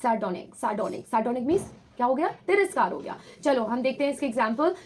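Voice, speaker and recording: Woman, high voice, teaching vocabulary patiently, repeats points and checks in with learners. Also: animated, fast, darkish tone. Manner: patient, repetitive explaining, checks understanding often. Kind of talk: bilingual vocabulary lesson.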